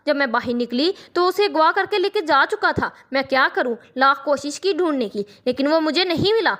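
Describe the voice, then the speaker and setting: A woman's voice: high-pitched, expressive, a bit bright. A woman reading a storybook as a cunning, cruel stepmother who whines with fake tears. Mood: fake wailing. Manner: whining, fake tearful.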